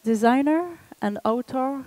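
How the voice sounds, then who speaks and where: A woman moderating a session and introducing the next speaker slowly and carefully. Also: high-pitched, warm tone, dry recording. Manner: slow, careful.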